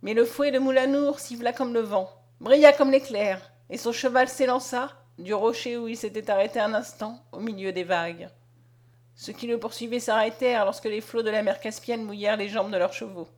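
Lady reading an old adventure story aloud, kinda high voice, really dramatic. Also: steady tone, normal speed, darkish tone. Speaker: audiobook reader. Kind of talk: literary narration read aloud.

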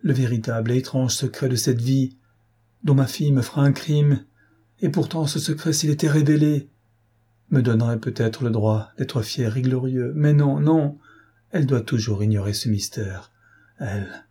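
A man's voice: mid-range voice, moderate pace, dark tone, slightly rough, close to an everyday voice. A man voicing a grief-stricken middle-aged father, speaking in anguish. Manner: anguished, pleading.

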